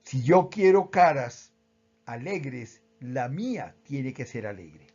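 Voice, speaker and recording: A man with a Colombian accent, calmly explaining how emotions work with everyday examples. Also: mid-range voice, slow pace, highs cut off. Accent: Colombian Spanish. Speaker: speaker on emotional education. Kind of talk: explanatory talk.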